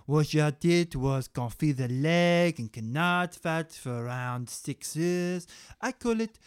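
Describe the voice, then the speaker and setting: A man's voice: a little high, a little slow, mellow, clean tone, dry recording, studio quality, close to an everyday voice. A man voicing a cannibalistic hospital chef with a put-on broken French accent, in a comedy radio sketch, hammy and drawn out.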